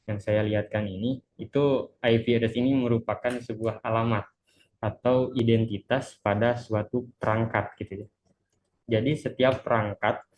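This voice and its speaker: A man's voice: medium pitch, a little mellow, a little hiss or hum. Muffled young man talking through a mask. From Cianjur, West Java, Indonesia. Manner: speaking through a face mask. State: unwell. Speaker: webinar presenter. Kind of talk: informal online lesson, introductory presentation. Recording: dull, muffled lo-fi webinar audio.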